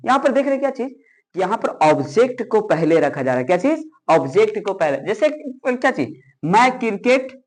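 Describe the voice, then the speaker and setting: A man's voice: high voice, big pitch swings, fairly quick, darkish tone. A man teaches grammar like a classroom lecture. He keeps asking questions and answering them himself, repeating key phrases to drive each point home.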